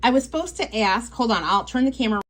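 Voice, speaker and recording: A woman's voice: a little high, expressive, fast, a bit bright. A woman hosting a casual live stream about nail polish, chatting with viewers, reading their comments aloud and getting easily sidetracked. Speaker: livestream host showing nail polish.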